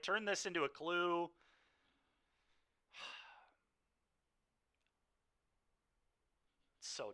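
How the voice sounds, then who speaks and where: Frustrated young man streaming, bright and slow. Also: on the high side. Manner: frustrated venting, sighing. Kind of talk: live-streamed card game commentary.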